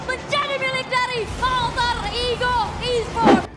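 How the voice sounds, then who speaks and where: A woman commentates esports in an excited, very high-pitched voice. Loud music runs behind her. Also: measured pace, a loud crowd.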